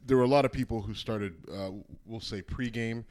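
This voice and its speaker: A man's voice: mid-range voice, a little fast, a crowd in the background. A man co-hosting a casual chat, filling his talk with "you know" and "I mean". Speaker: podcast co-host.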